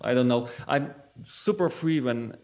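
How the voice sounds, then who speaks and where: A man's voice: mid-range voice, measured pace, a little mellow. A man in his thirties with a German accent, a guest chatting casually in English as his second language, hesitant and repeating words with small chuckles. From East Germany. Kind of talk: casual conversation. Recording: dull lo-fi audio.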